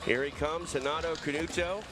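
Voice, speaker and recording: A man's voice: a little high, steady tone, fairly quick, loud music behind the voice. A man calling a live grappling event as play-by-play commentator, upbeat and tossing to the mat announcer.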